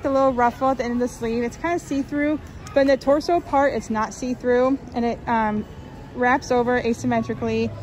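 A woman's voice: a little high, background noise. A woman vlogging casually while shopping in a large clothing store, upbeat and chatty with lots of fillers. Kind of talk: casual shop-with-me narration.

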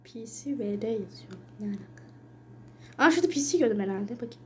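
A young woman commenting casually on her own gameplay, excitable, muttering and whispering to herself between sudden yells and shrieks when she is chased. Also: on the high side, quick pace, husky. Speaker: gaming channel host.

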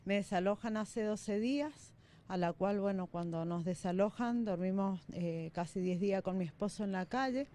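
A woman in her thirties with an Argentine Spanish accent and a medium-pitched voice is interviewed on location for the news, speaking into a reporter's handheld mic. She answers softly and haltingly, repeating her words. The interview moves from outdoors by a brick shack to a small room.

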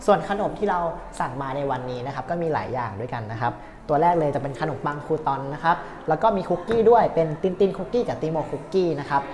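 A man's voice: on the high side, animated, quick pace, darkish tone. A young man with an upbeat, polite tour-guide manner walks through a cafe, chatting casually to the camera. His voice sits close on a clip-on lapel mic, with a faint hum of background noise. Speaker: host. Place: indoor cafe in an old shophouse.

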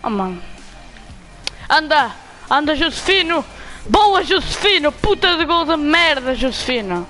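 Brief: young woman, European Portuguese accent, high voice, profane trash-talking gameplay commentary, faint music behind. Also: measured pace, poor audio. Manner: taunting, swears a lot, excitable outbursts. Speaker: gamer streaming own play.

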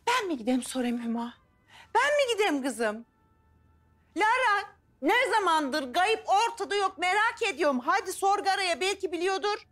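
A woman's voice: extremely high pitch, animated, moderate pace, a bit bright, faint music behind. An actress playing a woman looking after street kids, scolding them in exasperation. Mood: exasperated scolding.

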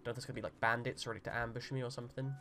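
A young man giving jokey, excitable let's play commentary, pleading with and yelling at the game. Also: mid-range voice, rapid-fire. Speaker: gamer.

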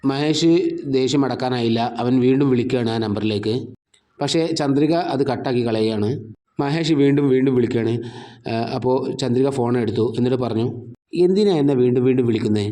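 Man, storyteller, mellow voice, steady serial recap. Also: medium pitch, fairly quick. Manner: plain, steady narration. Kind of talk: retelling a TV serial episode.

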